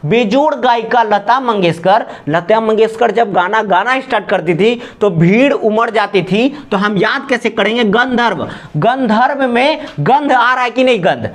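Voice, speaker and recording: Male tutor with a very high voice, drills with repeated rhetorical questions. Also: lively intonation, measured pace. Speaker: teacher. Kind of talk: exam-prep memory trick lesson.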